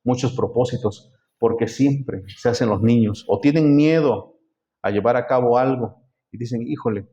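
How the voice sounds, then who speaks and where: A man's voice: mid-range voice, normal speed, dark tone, lo-fi sound. A man preaching a sermon in a church, often turning to the congregation with rhetorical questions. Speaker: pastor.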